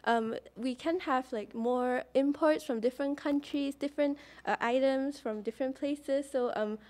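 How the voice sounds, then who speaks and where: A woman's voice: on the high side, darkish tone. A young woman from Malaysia, a student giving a case competition presentation, upbeat and hesitant with fillers. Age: young adult.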